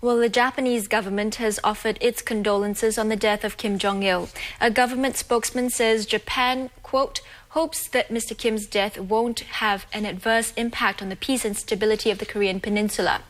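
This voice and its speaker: A woman's voice: fairly high pitch, fairly even intonation, normal speed, few pauses. A woman news anchor reading scripted television news.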